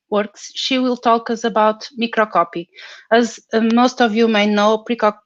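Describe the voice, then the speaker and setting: A woman's voice: medium pitch, dry recording, lo-fi sound. A woman introducing an online workshop as its moderator. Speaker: session moderator.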